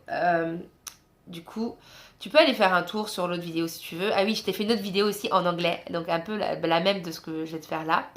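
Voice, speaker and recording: A young woman from France talking casually to camera in a travel vlog, chatty and encouraging, with many fillers, filmed on a phone indoors in a guest room. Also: lowish voice. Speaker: travel vlogger.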